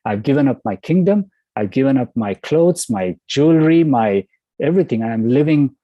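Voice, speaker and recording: A man's voice: mid-range voice, expressive, moderate pace, dry recording, lo-fi sound, close to an everyday voice. A man voicing a former king turned forest hermit, growing exasperated as he insists he has given everything up. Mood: earnest. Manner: storyteller quoting, rising in exasperation.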